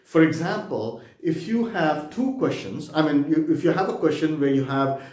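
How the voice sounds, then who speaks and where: A man's voice: a little high, animated, moderate pace, darkish tone, reverberant. A man teaching exam preparation in a conversational lecture, often checking in with his listeners. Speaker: exam prep instructor. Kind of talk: explanatory lecture.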